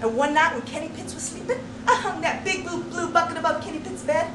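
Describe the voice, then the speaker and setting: In an indoor speech contest room, a female contestant with a very high voice tells a tall tale, theatrical and folksy. Her delivery is dramatic and emphatic, marked by deliberate pauses and folksy storytelling turns of phrase. Picked up by a distant microphone, the live recording is roomy and noisy from far off.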